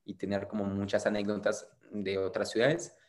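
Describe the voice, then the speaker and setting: A young Frenchman speaks at normal speed in a lowish, flat voice while guesting on a casual interview. He's a content creator, and his answers ramble with frequent hesitations and restarts.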